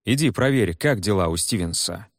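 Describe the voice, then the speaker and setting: A man voicing a young, smiling police lieutenant who speaks smoothly and condescendingly. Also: lowish voice, lively intonation, normal speed, no echo, studio quality. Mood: smug.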